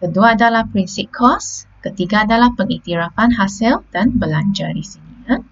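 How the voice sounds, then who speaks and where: This is a classroom lesson on slides, delivered by a Malaysian woman teacher who guides students step by step and keeps checking in with "okey" and "ha?". She talks at a moderate pace in a mid-range voice, and the highs are cut off.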